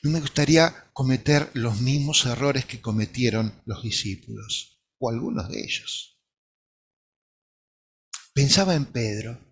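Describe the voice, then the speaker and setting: A man's voice: medium pitch, a little slow, creaky, long pauses, a bit bright, husky. A man preacher giving a sermon, retelling a scene with earnest, imaginative storytelling.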